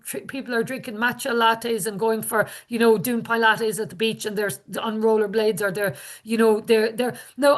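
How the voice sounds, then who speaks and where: Irish woman, west of ireland accent, slightly high voice, earnest activist giving an informal talk, repeats stuff to make her point. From Galway, west of Ireland. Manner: earnest, repeats phrases for emphasis. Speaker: activist speaker.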